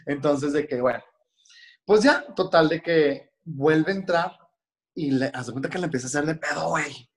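A man's voice: a little high, normal speed. A man with a Mexican Spanish accent, a hair and makeup stylist telling stories in casual podcast talk and acting out the voices of the people in them. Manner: chatty, acts out voices of people in his stories.

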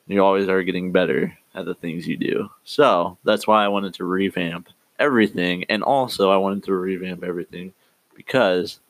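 A man's voice: low voice, poor audio. A man hosting his own casual podcast from a room at home, talking through an update in a rambling, self-doubting way with frequent restarts. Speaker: podcast host.

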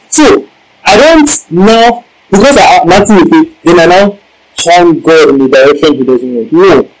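A male preacher with a high voice gives an emphatic Bible-teaching sermon, repeating key lines and asking the congregation questions. The recording is low quality.

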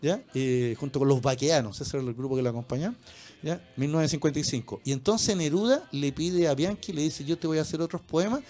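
A man's voice: a little high, fast, darkish tone. A Chilean man hosting a radio show, chatting casually about music and constantly adding little tag questions. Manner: peppers speech with tag questions. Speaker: radio host. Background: faint music.

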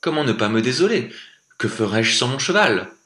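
A man's voice: expressive, moderate pace, bright, forceful tone. Man putting on a naive young prince. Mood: pleading. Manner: pleading, higher than the narration. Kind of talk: storybook reading. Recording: echoey room.

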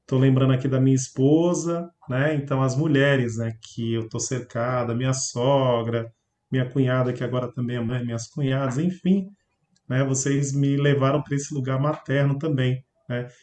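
Moved man with a mellow voice, roomy sound. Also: mid-range voice, steady tone, moderate pace. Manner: warm-hearted, moved, frequent tag questions. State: emotional. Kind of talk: conversation. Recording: roomy echo.

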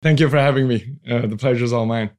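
A venture capital founder in his forties from Hong Kong appears as a podcast guest, chatting casually and hesitantly about his career. He talks fast, with a mid-range voice and a slightly dark tone.

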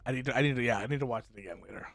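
A man casually reacting to a livestream, excitable and quick to laugh. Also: medium pitch, no room sound, studio quality. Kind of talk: casual watch-along reaction.

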